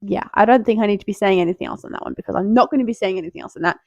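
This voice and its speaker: A young woman hosting a casual, rambling tier list video, playful and quick to interrupt herself with jokes. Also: mid-range voice, no echo. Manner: playful, self-interrupting, jokey.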